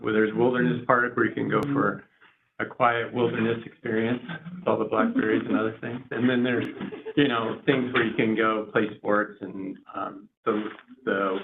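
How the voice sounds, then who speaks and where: A man's voice: fairly low pitch, creaky. A man speaking informally as a board member introducing himself at a meeting. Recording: tinny phone-like meeting audio, faint noise.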